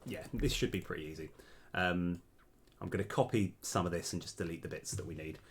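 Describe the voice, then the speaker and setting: A man's voice: low voice, a little fast, a little hiss or hum. A man streaming game development live, thinking aloud over his code with many hesitations, his voice slightly worn. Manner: hesitant, many ums, talks through code.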